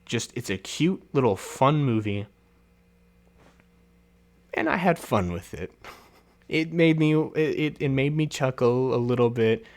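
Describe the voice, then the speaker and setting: A male host gives a casual solo movie review at an ordinary, mid-range pitch. He rambles in a chatty way, chuckles often and trips over fillers and restarts as he goes. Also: lively intonation, unhurried, pauses often.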